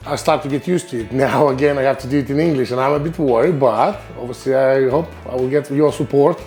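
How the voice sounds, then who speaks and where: With faint music behind him, a man from Lithuania speaks fast in a mid-range, darkish voice. Hosting his cooking channel in English, his second language, he has a Lithuanian accent and often gropes for words with ums and restarts.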